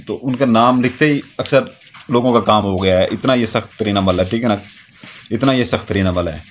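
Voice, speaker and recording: A man teaching a ritual step by step in a steady, repetitive way, often checking that the listener is following. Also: on the low side, a little hiss or hum. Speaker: spiritual practitioner teaching a ritual. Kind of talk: step-by-step instruction.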